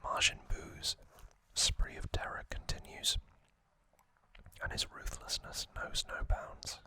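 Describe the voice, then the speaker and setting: A man hosts an ASMR series, narrating trivia in a breathy, unvoiced whisper. He speaks in deliberate short phrases broken by pauses.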